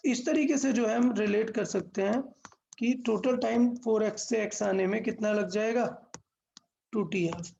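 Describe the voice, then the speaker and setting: A woman's voice: mid-range voice, normal speed, creaky, dark tone, highs cut off, a little hiss or hum. A woman teaching a physics lesson step by step, asking questions and answering them herself, mixing English terms into Hindi.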